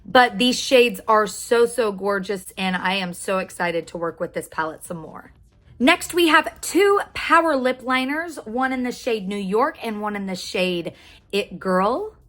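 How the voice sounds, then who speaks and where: A woman's voice: medium pitch, expressive, a little slow, a bit bright. An American woman chatting casually as a beauty vlogger, gushing and repeating words for emphasis. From Oklahoma, United States. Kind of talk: casual makeup tutorial chat.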